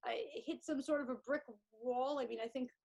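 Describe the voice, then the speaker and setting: A woman with a New York accent hosting an interview, enthusiastic and quick to react to her guest. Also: high voice, fairly even intonation, gravelly, darkish tone. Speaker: host. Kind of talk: casual interview talk.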